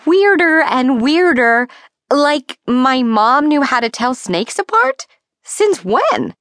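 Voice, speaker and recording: Woman narrator, first-person teen story, lively and wry, slightly high, dry booth sound. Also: slow, no room sound. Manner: wry, breezy teenage voice. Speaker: audiobook narrator.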